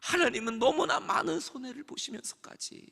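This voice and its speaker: A man's voice: extremely high pitch, brisk, creaky, bright, forceful tone, husky, big-room sound. A man preaching a fervent sermon as pastor in a church sanctuary, acting out the father's words.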